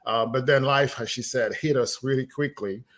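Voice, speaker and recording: Middle-aged man, unhurried with fillers. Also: mid-range voice, fairly even intonation, fairly bright tone. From Ivory Coast and France. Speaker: guest. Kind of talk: casual conversation.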